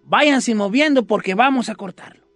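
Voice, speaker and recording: Mujer imitando a un papá mandón. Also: female voice, on the high side, normal speed, soft background music, pitched above the performer's own voice, close to an everyday voice. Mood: commanding. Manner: bossy, giving orders. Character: brisk father of the family, grown man.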